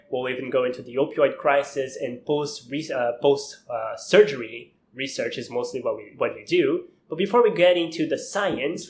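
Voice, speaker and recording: A man hosts a casual interview, often murmuring agreement. His voice rings in a roomy space. A faint hiss sits underneath. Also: a little high. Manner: affirming listener, frequent mm-hmm. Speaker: podcast host.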